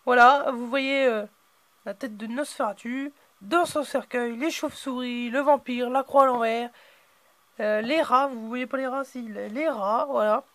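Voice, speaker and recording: A man hosting a casual unboxing video, hesitant and filling his pauses with "euh" and "voilà". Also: extremely high pitch, steady tone, a bit bright, no room sound.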